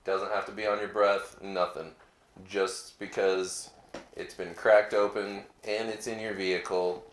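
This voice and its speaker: A man's voice: on the low side, gravelly, roomy sound, slight background noise. A man and parent talking bluntly and casually in a family conversation, swearing freely. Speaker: parent and co-host.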